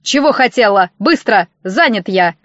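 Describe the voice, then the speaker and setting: Woman voicing a pushy old man, audiobook, sly, drawn-out and snappish, dull dry sound. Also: fairly high pitch, animated, no echo. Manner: drawn-out wheedling, turning snappish.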